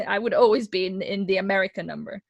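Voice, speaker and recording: A woman's voice: medium pitch, fairly quick, creaky, no echo. A young woman from Mexico, an actress talking candidly in an interview over a video call, often restarting her sentences. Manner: candid, animated, with many restarts. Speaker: actress and guest. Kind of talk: casual interview conversation.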